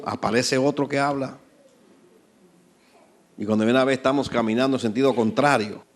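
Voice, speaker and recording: A man, a pastor, preaching a sermon, asking the congregation questions and letting his voice rise and fall in volume for emphasis. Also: medium pitch. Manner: volume swells and drops for emphasis.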